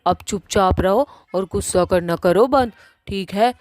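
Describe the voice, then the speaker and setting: A lovesick young witch daughter in a cartoon, voiced by a woman. She talks loudly and insistently, nagging and pleading in a mid-pitched voice. The sound is dry and close. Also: a little slow, dry recording, natural voice.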